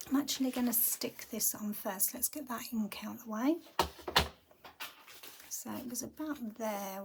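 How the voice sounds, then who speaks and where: A woman gives a casual, chatty card-making tutorial in a croaky voice that's a little high and comes across pushed and bright. She frequently mumbles half-whispered asides to herself, with slight background noise behind her.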